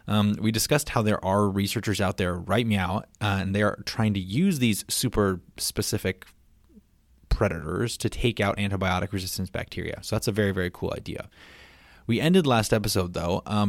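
A man's voice: low-pitched, creaky, no echo, studio quality. A man hosting a casual science podcast, chatty and playful, with frequent ums and asides. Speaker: podcast host.

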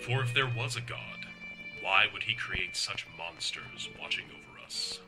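Man as an ominous low-voiced eerie-tale narrator. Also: animated, unhurried, music in the background, rough recording. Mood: ominous, foreboding. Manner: ominous, dramatic. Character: ominous male narrator of retro eerie tales. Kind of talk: scripted retro sci-fi horror narration.

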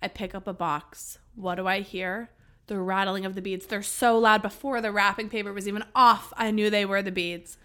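A woman's voice: medium pitch, fairly even intonation, normal speed, a bit bright. A woman in her twenties from New York, co-hosting a podcast and telling a funny story with lots of laughter and casual swearing. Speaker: podcast co-host.

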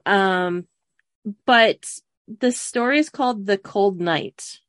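A woman's voice: mid-range voice, slow, no echo. Dry-sounding woman telling spooky tales. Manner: reads a child's story aloud, many ums. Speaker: podcast co-host. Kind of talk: casual storytelling chat.

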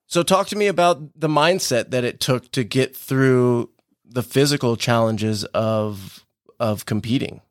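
A man's voice: medium pitch, a little slow, no echo. A man hosting an interview, encouraging his guest and asking her about her mindset. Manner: encouraging, frequent short backchannels. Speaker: interviewer, host. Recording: dry, tinny phone-like audio.

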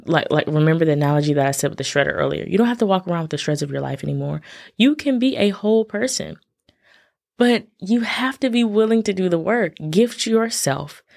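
A woman, hosting a casual solo podcast and talking chattily and animatedly to her listeners. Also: fairly low pitch. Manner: chatty, animated, addresses listeners as y'all and sis. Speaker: podcast host.

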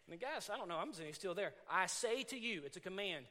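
A man's voice: high voice, fast talker. A man. He acts out the scene and repeats lines for emphasis. His voice rings with a long reverb, as in a large hall. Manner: animated preaching, acting out scenes, repeating phrases for emphasis. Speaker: preacher. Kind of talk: sermon.

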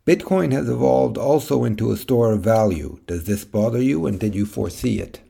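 Gravelly, low-voiced male podcast host. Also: moderate pace, dark tone. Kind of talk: podcast interview and outro.

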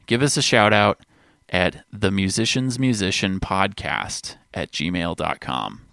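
A man's voice: deep voice, expressive, a little slow, vocal fry, a bit bright. A man co-hosting a music podcast, chatting casually with amused enthusiasm and frequent fillers. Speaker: podcast co-host. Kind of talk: casual chat.

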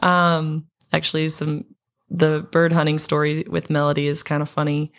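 A woman's voice: deep voice, monotone, normal speed. A young woman from Montana, a singer-songwriter guest, telling a story in casual chat with many fillers and restarts.

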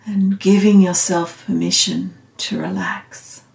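A woman guiding a meditation in a calm, meditative, soothing tone, unhurried and leaving long pauses. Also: fairly low pitch, vocal fry. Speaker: meditation guide. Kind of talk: guided loving-kindness meditation. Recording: roomy, slightly echoing sound.

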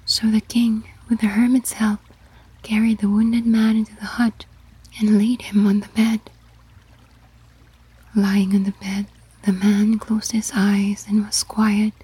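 A woman tells a story in a steady, breathy whisper for relaxation. Her delivery is slow and flat, with a mellow, dark tone. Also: medium pitch, no room sound. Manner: steady unvoiced whisper throughout. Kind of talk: whispered ASMR story reading.

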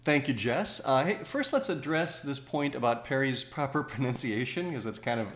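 A man co-hosting a podcast, talking casually with a dry, teasing wit. His voice sits at an everyday middle pitch, and it is recorded with a noticeable roomy echo. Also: normal speed, a bit bright. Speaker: podcast co-host. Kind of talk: casual chat.

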